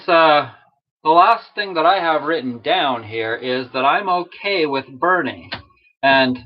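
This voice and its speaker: Rambling chatty guy from utah on a live stream, kinda high voice, muffled lo-fi audio. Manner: rambling, chatty, laughs at himself. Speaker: massage tool maker and live-stream host. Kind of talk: casual live-stream chat.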